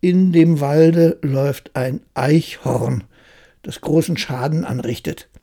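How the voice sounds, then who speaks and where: A reader voicing a scheming old king in a fairy tale, speaking slowly and deliberately. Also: mid-range voice, creaky, mellow. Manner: slow, deliberate.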